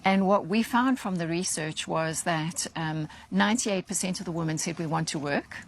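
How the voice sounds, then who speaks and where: A woman speaking as an interview guest, explaining findings in a measured, articulate way. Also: fairly low pitch.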